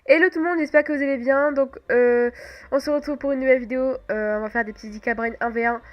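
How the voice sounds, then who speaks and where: A young woman who hosts a gaming channel chats casually over her gameplay with a cold-stuffed nose, laughing often and making fun of herself. Her high-pitched voice is fast with fairly even intonation, and the sound is lo-fi.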